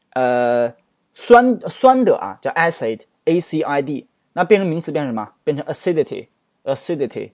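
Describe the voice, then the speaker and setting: Lively male teacher, rhetorical questions. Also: a little high, no echo. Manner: asks many rhetorical questions; spells words letter by letter. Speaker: English vocabulary teacher. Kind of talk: lecturing on word roots.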